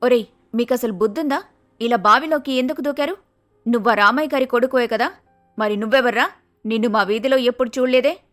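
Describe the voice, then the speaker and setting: A woman voicing a prejudiced young village woman who loudly scolds and accuses others, in a cartoon story. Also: fairly high pitch, a little fast, soft background music, natural voice. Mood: accusing.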